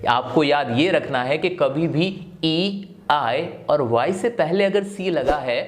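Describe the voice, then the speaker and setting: A man's voice: fairly high pitch, slow. A male teacher giving a spelling lesson in a video, explaining step by step and asking himself questions to answer them.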